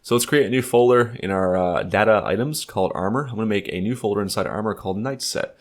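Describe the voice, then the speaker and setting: A game development tutor explains code casually in a screen-recorded tutorial, thinking aloud with lots of fillers. He talks fast in a fairly low voice that sounds stuffed-up and slightly nasal.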